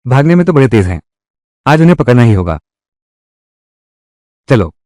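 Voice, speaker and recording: A menacing tough guy from a dubbed revenge drama, voiced by a man. His pitch swings widely as he threatens, and the close studio recording is dry with no room sound. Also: big pitch swings, moderate pace, warm tone, no room sound, natural voice. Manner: threatening, confrontational delivery. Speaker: dubbing voice actor. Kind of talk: Hindi dub of a live-action drama.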